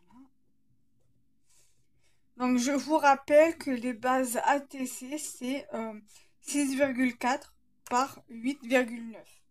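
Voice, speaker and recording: A woman's voice: high voice, steady tone, slow pace, long pauses, a little mellow. A woman with a slight lisp, hesitantly thinking aloud as she narrates a casual craft tutorial.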